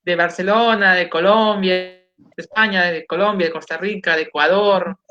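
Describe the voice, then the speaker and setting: A man's voice: sits high, fairly even intonation, normal speed, pushed and bright, dull audio. Guy hosting an online chat, explains stuff step by step, sounds out drills. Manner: explanatory, demonstrates speech drills aloud. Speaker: host and coach. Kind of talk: casual online interview.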